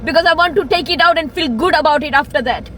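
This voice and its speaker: A woman's voice: high-pitched, fast, a crowd in the background, background noise. A woman in her thirties speaking into her phone in a raw, pleading confessional monologue, repeating phrases for emphasis and slipping into Hindi. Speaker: vlogger.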